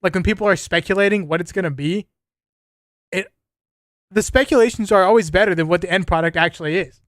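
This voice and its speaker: A young man streaming, reacting to videos with excitable, slangy commentary and talking to his chat. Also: high voice, fairly quick, no echo, clean studio sound.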